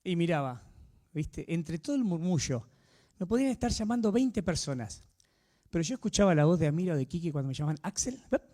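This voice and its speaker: A man with a Rioplatense accent preaching a sermon in a conversational way, often checking in with his listeners. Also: quick pace. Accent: Rioplatense Spanish. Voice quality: animated, swinging pitch. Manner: conversational, asks the audience frequent tag questions.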